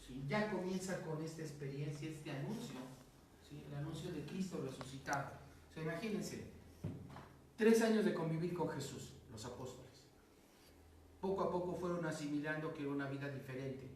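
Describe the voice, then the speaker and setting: Mexican priest explaining scripture in an echoey room. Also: male voice, a little high, normal speed, a little mellow. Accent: Mexican Spanish. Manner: conversational, explains with many fillers and rhetorical questions. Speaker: priest teaching a Bible class. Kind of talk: informal Bible class explanation. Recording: roomy echo, distant mic, faint noise.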